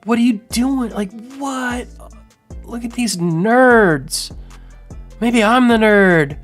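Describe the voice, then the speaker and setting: A man in his thirties doing casual livestream commentary from home on a boom mic, rambling and animated, full of fillers. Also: slow, faint music behind. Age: 30s. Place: home room. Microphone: studio mic on boom arm.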